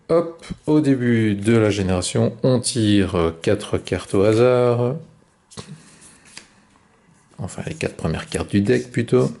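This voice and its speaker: A man calmly talking through his own board game turn, explaining each card and move step by step. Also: mid-range voice, gravelly. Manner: calm, methodical, explains each move aloud. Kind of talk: solo board game playthrough commentary.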